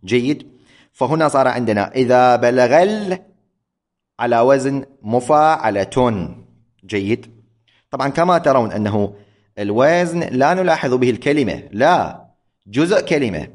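A man teaches a lesson on poetic metre at a middle pitch. He slows down to chant out syllables and rhythm patterns one by one, and often stops to correct himself. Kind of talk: classroom lecture on poetic metre.

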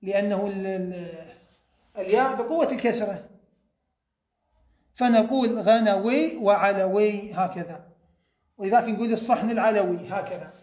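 A man teaching a grammar lesson, explaining step by step, repeating key points and slowing down to spell out each example. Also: high voice, darkish tone, roomy sound.

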